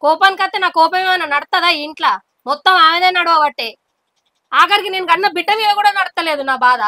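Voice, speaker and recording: A woman acting out a sharp-tongued village wife in a short film. Her voice is very high and bright, and she complains at speed. The sound is dry and close. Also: quick pace, no echo, heavily acted. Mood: bitter. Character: resentful village wife, mother of a small girl. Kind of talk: village family drama acting.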